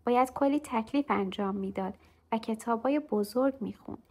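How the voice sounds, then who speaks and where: A woman narrating a scripted children's story in a gentle, clear manner. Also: fairly high pitch.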